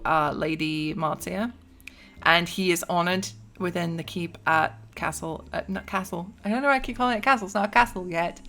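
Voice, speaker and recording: A woman casually recapping a tabletop role-playing campaign, chatty and animated, with asides and sound effects. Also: lowish voice. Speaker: tabletop game player recapping a character.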